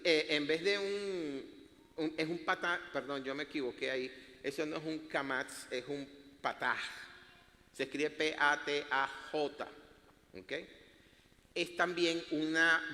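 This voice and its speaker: Bright-voiced pastor in echoey hall. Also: male voice, on the high side. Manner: playful, laughs at himself while teaching. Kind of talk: sermon teaching. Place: church hall.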